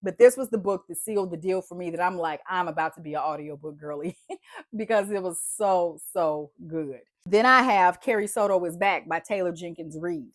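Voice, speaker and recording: The speaker, a woman book vlogger, has a lowish, stuffy, congested voice at normal speed, recorded dry at studio quality. Her casual book review chat about books she loved is animated and chatty, full of "y'all" and "like."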